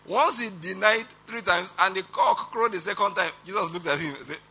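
Bright-voiced Nigerian preacher. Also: male voice, high-pitched, normal speed, breathy edge. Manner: animated, emphatic preaching with rhetorical questions and chuckles. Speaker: pastor. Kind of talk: sermon.

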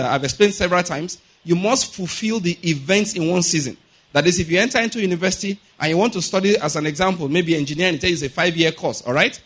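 With a high, fairly bright voice, this middle-aged Nigerian preacher delivers a sermon that teaches through everyday examples. He explains each point in turn, repeating himself and often asking rhetorically whether the congregation understands.

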